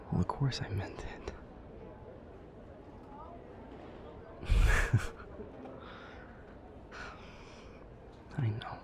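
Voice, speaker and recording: A man with a low, gravelly voice gives a heavily acted performance as an affectionate immortal vampire boyfriend in an intimate roleplay audio. The character is nervous, self-deprecating, embarrassed and sheepish, stammering and rambling and often sinking into a murmur, with background noise behind him.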